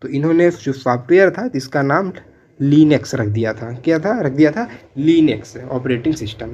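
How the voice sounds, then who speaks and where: A male tutor works through exam questions one at a time, reading out the options and then repeating each answer several times so it sticks. His voice sits at an ordinary middle pitch. The recording is a little dull and lo-fi. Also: a little mellow, slight background noise. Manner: addresses viewers as friends. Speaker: exam coaching teacher. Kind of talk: quiz-style exam prep lesson.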